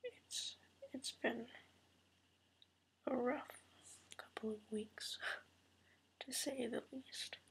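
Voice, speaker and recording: A young woman speaks in a soft, breathy whisper at home late at night, worn out and upset. Her voice sits a little high and barely moves in pitch. She wanders through her thoughts with lots of fillers, and a retainer is in her mouth. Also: fairly even intonation, extremely slow, long pauses. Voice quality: wears a retainer. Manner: hushed whisper, rambling with many fillers. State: tired and upset. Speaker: vlogger.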